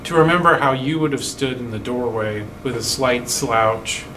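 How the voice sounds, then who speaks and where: A middle-aged man performing a dramatic elegy in a measured, poetic, sorrowful and wistful way, with deliberate pauses. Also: mid-range voice. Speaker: monologue performer. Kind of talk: dramatic spoken elegy monologue. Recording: distant mic, faint room hum.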